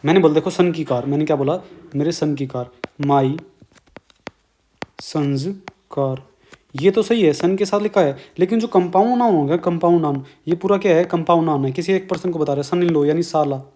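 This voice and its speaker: An Indian man in a fairly high register delivers an exam-prep grammar lecture. He explains each rule step by step, posing questions and answering them himself. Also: moderate pace, mellow, slight background noise. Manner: explains step by step, keeps asking and answering his own questions. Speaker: English grammar teacher.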